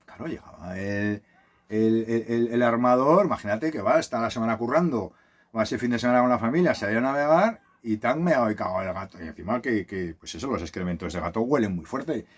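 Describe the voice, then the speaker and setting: A man's voice: mid-range voice, lively intonation, brisk. Guy from rambling about boat life, lots of restarts, phone recording. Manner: rambling storyteller with many restarts. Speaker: vlogger living on a sailboat. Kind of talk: casual monologue.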